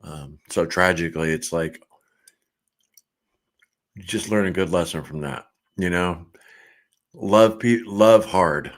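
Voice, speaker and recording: A middle-aged man hosting a casual livestream, reading viewer comments aloud and chatting in a relaxed way with frequent laughs. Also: low voice, slow, long pauses.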